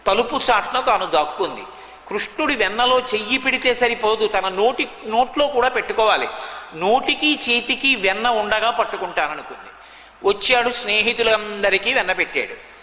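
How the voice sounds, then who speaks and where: A man giving an animated devotional sermon, recounting stories emphatically, heard in an echoey hall. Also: sits high, normal speed. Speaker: spiritual discourse speaker. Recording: echoey hall, long reverb.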